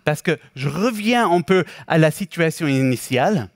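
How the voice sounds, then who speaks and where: A man with a Swiss German accent mixed with Québécois and English influence gives an explanatory financial presentation as a product specialist, in a halting, self-correcting way. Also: fairly high pitch, lively intonation, no room sound, clean studio sound. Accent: Swiss German with Québécois and English influence, speaking French.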